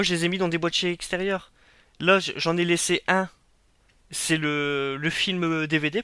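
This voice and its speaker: A man's voice: fairly high pitch, pushed and bright, clean tone, dry recording. A young man from France giving a frank, critical unboxing review, repeating himself with many fillers and hesitations. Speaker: collector reviewing a limited edition.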